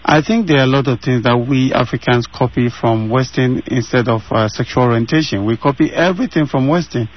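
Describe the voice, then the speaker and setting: Brisk and with few pauses, a Ghanaian man in his thirties answers interview questions with real conviction, hammering points home through repetition. His pitch is medium for a man, and the sound is somewhat dull, as if carried over a remote line from his home.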